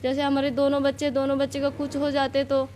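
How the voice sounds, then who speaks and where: A shaken woman from Nepal tells what happened in a high voice, rambling and plain. Faint ambient noise hums behind her. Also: completely flat delivery, a little fast, a little mellow. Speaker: interviewee, assault victim. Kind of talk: news interview answers.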